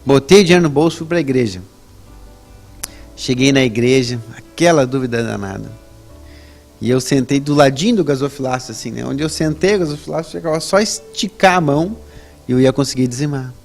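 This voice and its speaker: A man shares his personal religious testimony as an interview guest. His voice sits at an everyday middle pitch, and he tells the story in a relaxed, chatty way, rising in pitch when he stresses a point. He often tags his sentences with a quick questioning check-in. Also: gravelly, faint music behind.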